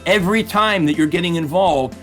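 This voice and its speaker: A middle-aged man with a high, brisk, slightly bright voice coaches real estate agents in an upbeat, webinar-style talk, often putting questions to his audience. His voice is giving out as he speaks, and faint music plays in the background.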